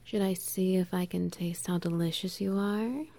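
A young adult woman whispering softly and teasingly in an intimate audio roleplay, with quiet laughs between phrases. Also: fairly low pitch, steady tone, moderate pace, gravelly.

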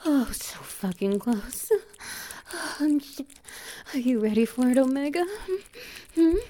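A woman voices a dominant, doting adult male lover in an intimate audio roleplay, using a high-pitched, slow, full character voice. She speaks in breathy whispers with soft laughs and steady praise, her mood teasing and admiring.

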